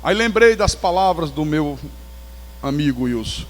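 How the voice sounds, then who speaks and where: Brazilian male pastor, high voice, lively storytelling sermon, long church reverb. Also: measured pace. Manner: animated storyteller with touches of humor. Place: church sanctuary.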